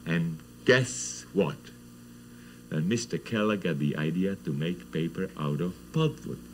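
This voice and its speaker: Slow man telling kids a story. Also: low voice, animated, slight background noise, rough recording. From Czech lands. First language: Czech. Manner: playful, asks children questions. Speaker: children's TV host. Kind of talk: storytelling to children.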